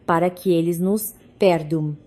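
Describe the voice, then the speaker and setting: A woman reading the lines of a trembling older mother-in-law who pleads hesitantly, in a low, mellow voice. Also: steady tone, a little slow, lightly acted. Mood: pleading.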